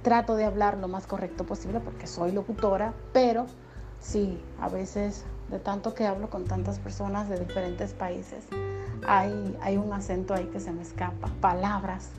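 A woman from the Dominican Republic with a softened Dominican accent, hosting a podcast in an encouraging, chatty way with frequent fillers. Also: medium pitch, flat delivery, normal speed, over music. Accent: Dominican Spanish, softened toward neutral. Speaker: podcast host and radio announcer. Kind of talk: casual motivational podcast talk.

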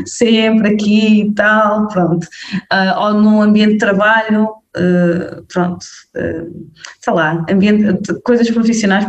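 A young woman with a northern Portuguese accent, mid-range in pitch, chats as a guest in a casual interview. Lively and filler-heavy, she keeps checking in with the listener while a roomy echo surrounds her.

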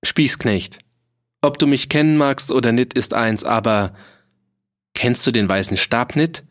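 A man voicing a calm, stern older village judge who gives firm commands. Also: medium pitch, a little slow, close to an everyday voice.

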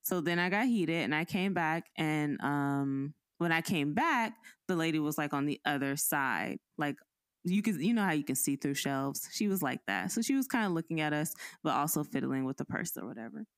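A woman's voice: low-pitched, normal speed, clean tone, no echo. A woman cohosting a podcast, telling a story in casual chat and acting out the people in it. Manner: animated, acts out the people in the story.

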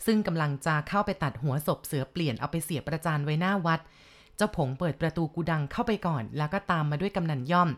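A woman reading a horror novel aloud as a storyteller, steady and dramatic. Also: low-pitched.

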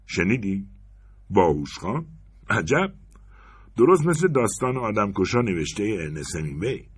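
Storybook lead: man playing a sarcastic, sour critic, mocking, lively and husky. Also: lowish voice, voice pushed up, exaggerated voice.

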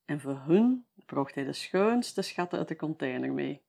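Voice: medium pitch, animated, unhurried, vocal fry, darkish tone. Brief: Flemish-accented local storyteller, folksy oral telling, conversational tags at the end of lines. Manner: chatty, tags sentences with "hè".

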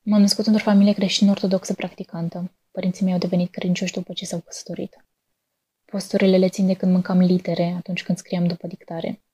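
A young woman from Romania reads her own story aloud in a calm, measured way. Her voice is mellow and a little husky, and it stays level with little rise and fall. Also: fairly low pitch. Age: 20s. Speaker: narrator. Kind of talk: scripted personal narration.

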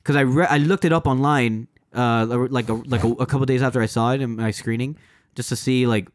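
A man's voice: mid-range voice, steady tone, brisk. A man co-hosting a casual podcast chat about films, rambling and swearing, often restarting his sentences. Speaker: podcast co-host.

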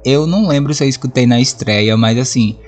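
Brief: male podcast host, relaxed chat about music, lively and a bit crude. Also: medium pitch, a little fast. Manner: lively storyteller who acts out his own reactions; swears casually. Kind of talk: casual monologue about favorite songs.

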